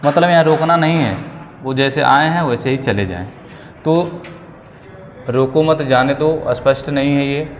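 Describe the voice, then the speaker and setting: Man teaching with slow, repeated phrases. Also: medium pitch. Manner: repeats key phrases slowly, checks in with "theek hai". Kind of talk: exam-prep grammar lesson. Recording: long reverb, faint ambient noise.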